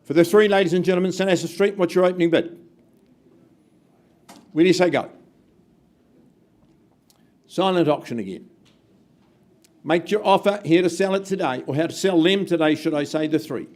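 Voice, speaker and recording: High-pitched male auctioneer calling bids. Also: normal speed, pauses often, darkish tone. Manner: projected, emphatic count-down calls to the room. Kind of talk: live property auction calling. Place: live auction room with bidders.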